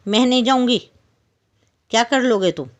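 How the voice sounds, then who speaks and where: A woman's voice: medium pitch, moderate pace, lightly acted. A woman voicing a tiny, stubborn female fly that teases and talks back in a whiny, childish way. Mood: defiant.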